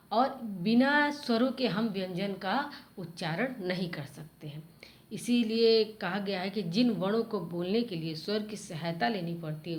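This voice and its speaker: A woman teacher giving a grammar lesson to children, spelling out letter sounds one at a time in a patient, explanatory way. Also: medium pitch. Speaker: school teacher.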